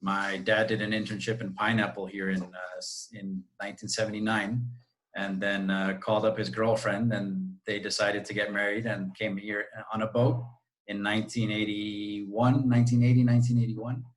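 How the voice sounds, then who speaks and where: On a video call interview, a Costa Rican real estate agent answers at length in a friendly, talkative way. His lowish voice has little pitch movement and a normal speed, and the recording is rough.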